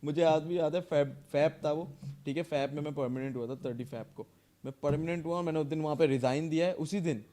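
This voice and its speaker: A man's voice: on the high side, a little fast. A man, casually telling a workplace story on a podcast and acting out the lines of the people in it. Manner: animated, acts out quoted dialogue.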